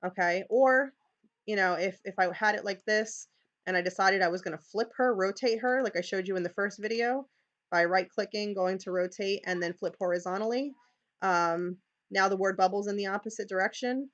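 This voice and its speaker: On a lo-fi recording, a New York teacher leads colleagues through a live screen-share training at a moderate pace. Her medium-pitched voice has a fairly bright tone, and she talks chattily with frequent "okay"s and restarts.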